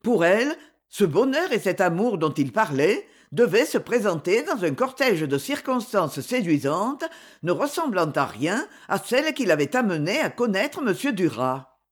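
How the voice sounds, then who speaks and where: A classic novel is read aloud by a female audiobook narrator whose voice sits at medium pitch; her scripted delivery is expressive and carefully measured, like a storyteller's.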